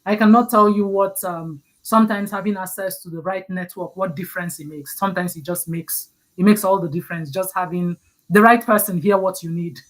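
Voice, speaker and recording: Over poor audio, the Nigerian woman hosting a livestream video-call interview speaks briskly in a lowish, fairly even voice. She reads audience comments aloud, stays encouraging, and repeats words while collecting her thoughts.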